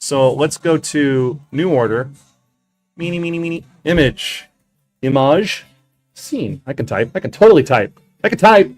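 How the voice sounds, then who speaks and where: A man running a casual livestream from his basement office, swearing a lot, getting excited and then putting himself down. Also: on the high side, normal speed, soft background music. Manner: profane, excitable, self-deprecating. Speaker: comic shop owner streaming.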